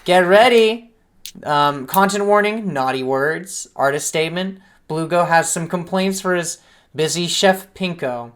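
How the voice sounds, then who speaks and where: A woman hosting an animation festival livestream, chatting casually, excited and often swearing. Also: sits low, measured pace. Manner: excited, laughing, profane.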